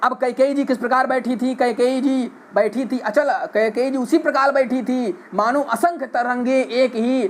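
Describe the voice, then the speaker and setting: A man's voice: very high-pitched, fairly even intonation, moderate pace, hardly any pauses, a little hiss or hum. A man teaching a Hindi poetry lesson, reciting each verse and then explaining it line by line in plain speech.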